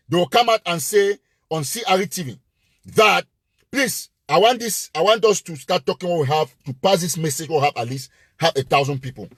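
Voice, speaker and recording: Husky male host, impassioned and repetitive live address, animated and fairly high-pitched. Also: no echo, clean studio sound. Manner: emphatic and repetitive, hammering points with rising force. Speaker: live-show host and political commentator.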